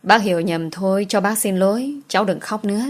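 A woman voicing an old man who backs down with soft, hesitant words. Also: medium pitch, a little fast, natural voice. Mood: awkward. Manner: hesitant, hushed, with fillers. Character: old man, lecherous, backing down.

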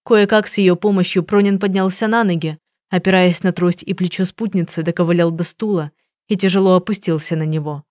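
Low-voiced woman narrating an audiobook. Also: fairly even intonation, brisk, a little mellow, no room sound, clean studio sound.

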